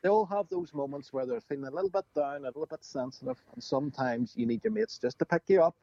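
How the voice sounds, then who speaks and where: A man's voice: on the high side, expressive, fast, creaky, dark tone, breathy edge, dry recording, highs cut off. A man chatting casually on a podcast in a jokey, blokey way. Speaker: guest reptile keeper.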